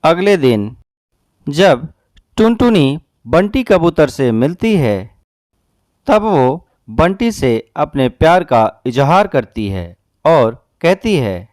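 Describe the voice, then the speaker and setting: A man's voice: fairly high pitch, sing-song, takes it slowly, a little mellow, no room sound, studio quality. A man narrating a children's cartoon story.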